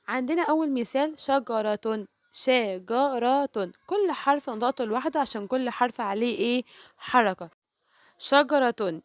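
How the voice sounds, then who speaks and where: A woman with an Egyptian Arabic accent teaching a children's reading lesson. She asks questions and answers them herself, and stretches example words out slowly, syllable by syllable. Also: sits high, no room sound.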